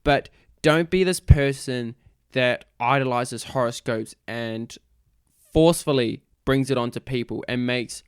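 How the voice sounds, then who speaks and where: A man's voice: medium pitch, unhurried, clear, resonant tone, no room sound, studio quality. A young man with a New Zealand accent, co-hosting a casual podcast, swearing and joking a lot as he talks. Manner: crude, joking, laughs often. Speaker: podcast co-host. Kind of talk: casual chat.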